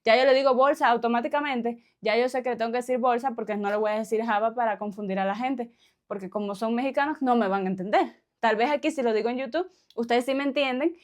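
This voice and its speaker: A woman's voice: on the high side, fast talker. A woman from Cuba with a Cuban accent, chatting casually to her viewers, laughing often and tossing in little questions. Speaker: vlogger. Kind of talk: casual chat to camera.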